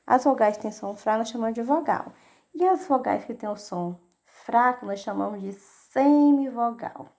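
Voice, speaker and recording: A woman's voice: a little high, lively intonation, moderate pace, dark tone. A woman teacher with a Brazilian Portuguese accent giving a recorded lesson to children, patiently checking in with "né?" and "tá?". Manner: patient, repeats "né?" and "tá?" to check understanding.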